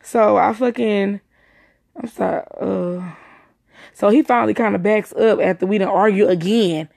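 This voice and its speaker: A young woman tells a casual, rambling story of a night out as a witness, profane and emphatic, restarting and repeating herself often. Her medium-pitched voice is darkish with vocal fry, fairly even intonation and a moderate pace, recorded in a clean studio with no room sound.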